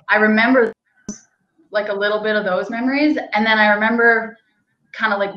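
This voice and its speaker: In a casual interview, a Canadian hunting guide and outfitter, a young woman, rambles through her stories, full of "like" and light laughs. She has a mid-range, bright, forceful voice. The recording sounds roomy, with the highs cut off.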